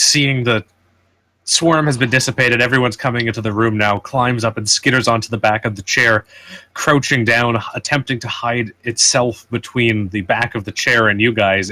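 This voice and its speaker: A man running a tabletop game as game master, narrating scenes and rulings in an animated, descriptive way. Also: mid-range voice.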